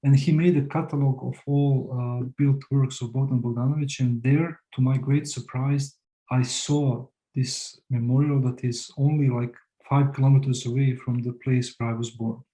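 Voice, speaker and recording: A tired man from Serbia giving an academic presentation, halting with many restarts and fillers, and low on energy. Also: fairly even intonation, dark tone, poor audio. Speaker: guest speaker.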